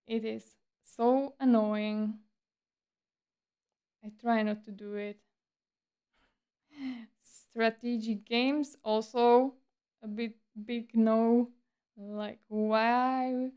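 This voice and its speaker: A woman with a fairly high, clean voice chats casually to her livestream. She takes her time between phrases, keeping a playful, breezy and teasing streamer persona. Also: steady tone, very slow, pauses often, dark tone, clean tone.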